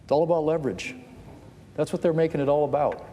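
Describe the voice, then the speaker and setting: A man giving a formal floor speech as a politician, deliberate and emphatic as he lists his points. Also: on the high side, mellow, long reverb tail, a little hiss or hum.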